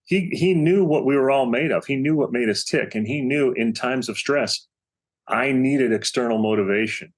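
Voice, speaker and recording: Here the same sort of speaker, a middle-aged baseball coach on a podcast, spins a story during a casual interview. His mid-range voice moves at normal speed, and he animatedly acts out the quotes.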